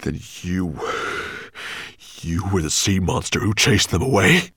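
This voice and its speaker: A man's voice: lowish voice, a little slow, dry recording, close to an everyday voice. A man voicing a brave, protective male dragon who speaks in firm, urgent calls.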